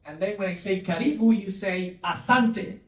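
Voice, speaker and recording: A company CTO gives a keynote in a high, a bit bright voice at normal speed, his words echoing through a large conference hall via a distant mic. He draws the audience in, asking them to respond, with many fillers and restarts.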